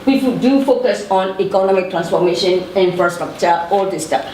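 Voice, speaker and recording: A woman from Burma, asking a halting question at a workshop, repeating words as she searches for phrasing. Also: mid-range voice, darkish tone. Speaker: audience member asking a question. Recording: echoey room, mic far off, clear background noise.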